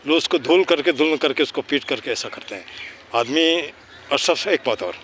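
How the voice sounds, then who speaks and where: A man teaching school students outdoors, lecturing and firing rhetorical questions. He slows down and speaks deliberately whenever he switches into English. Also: fairly high pitch, animated, fairly bright tone, slight background noise. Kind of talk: informal lecture with quiz questions. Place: outdoors in a park.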